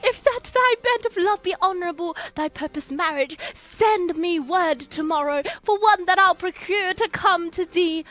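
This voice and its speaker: A woman's voice: very high voice, a bit bright. A woman playing an ardent young woman in love in a theatrical Shakespeare reading, with an impassioned, declamatory delivery. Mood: urgent, breathless.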